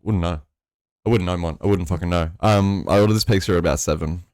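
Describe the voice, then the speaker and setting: A man's voice: low voice, fast, darkish tone, no room sound, clean studio sound. A young man casually telling a rambling, sweary story on a podcast. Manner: sweary, rambling, laid-back. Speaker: podcast co-host.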